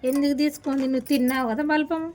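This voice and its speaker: A woman's voice: high-pitched, flat delivery, fast, a little mellow, slight background noise. A woman, a mother, talking casually with her young daughter at home, coaxing and scolding. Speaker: mother and vlogger.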